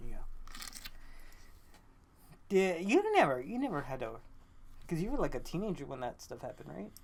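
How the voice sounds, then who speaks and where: A man's voice: on the high side, huge pitch swings, normal speed, a little mellow, slight background noise. A man in his thirties co-hosting a podcast, chatting casually, joking, swearing and laughing often. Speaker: podcast co-host. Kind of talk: casual chat.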